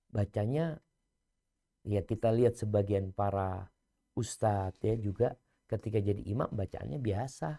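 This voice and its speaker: A man giving a religious lecture, swinging from loud emphasis to hushed, near-whispered lines and chanting scripture slowly. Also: on the low side. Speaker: preacher.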